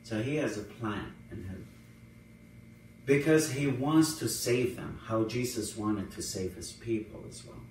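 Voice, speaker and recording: Man, Assyrian native speaker, priest at Bible study, very slow, heavy room echo, distant mic, faint hiss. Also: on the low side. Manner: retells scenes, acting out quoted lines with rising emphasis. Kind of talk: informal Bible study teaching. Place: church hall. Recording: very echoey room, voice from far off, faint noise.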